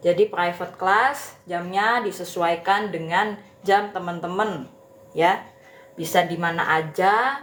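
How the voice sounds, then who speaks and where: A woman's voice: on the low side, slow, fairly bright tone, reverberant, a little hiss or hum. A woman teacher, chatting casually to viewers of her live stream with many fillers and tag questions. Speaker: Mandarin teacher.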